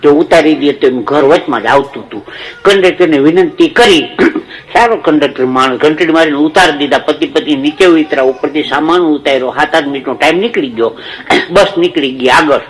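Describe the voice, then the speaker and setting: A man's voice: on the high side, brisk, low-quality recording. A man, telling jokes and moral stories as a stage comedian, in a folksy, preachy way. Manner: preachy storytelling with proverbs.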